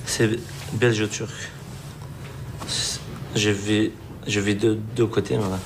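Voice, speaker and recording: A man's voice: fairly low pitch, little pitch movement, slow pace, slight background noise. Hesitant defensive man. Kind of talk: answering a judge.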